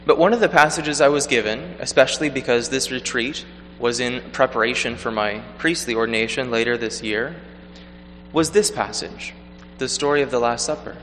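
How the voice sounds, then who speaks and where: A man reading the gospel and preaching a homily at Mass in a measured, earnest way, his voice ringing with cathedral echo in a large church. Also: mid-range voice, a bit bright. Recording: long church reverb, faint hum.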